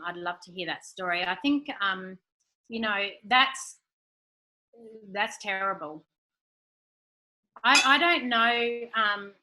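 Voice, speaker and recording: A woman in her forties answering audience questions in a frank, animated way, acting out quoted exchanges. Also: mid-range voice, low-quality recording. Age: 40s. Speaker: guest speaker. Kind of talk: candid Q&A talk.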